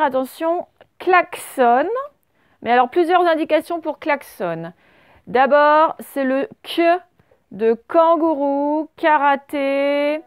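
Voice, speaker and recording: A French woman teacher giving a slow dictation lesson to young children, stretching out words and spelling letters. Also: sits high, dry recording. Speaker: primary school teacher.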